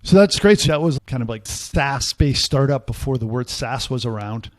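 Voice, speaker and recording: A man's voice: medium pitch, lively intonation, moderate pace, dry recording. A man with a Boston accent hosting a podcast in casual interview chat. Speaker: podcast host.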